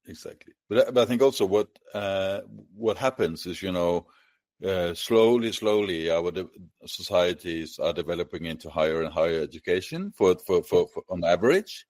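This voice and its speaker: A man from Norway with a Norwegian accent, hosting an interview in halting English with frequent restarts. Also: low-pitched, animated, a little mellow, no echo. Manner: halting, restarts words often. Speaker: host, interviewer. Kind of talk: conversational interview.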